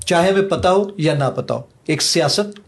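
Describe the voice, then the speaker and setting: A man's voice: on the high side, lively intonation. A man eagerly demonstrating his own app in a podcast conversation, counting seconds aloud. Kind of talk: podcast conversation, product demo.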